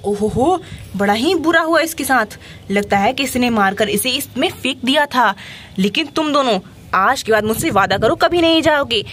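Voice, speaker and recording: High-voiced woman narrating toy play. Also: normal speed, slight background noise. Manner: animated, exclamatory. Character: caring big sister rescuing animals.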